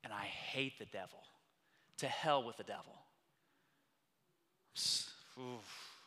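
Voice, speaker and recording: A man's voice: medium pitch, slow, pushed and bright. A man preaching a sermon in a church auditorium, talking in a conversational way that swells into passionate emphasis. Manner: passionate, conversational, builds in intensity. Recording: long hall reverb.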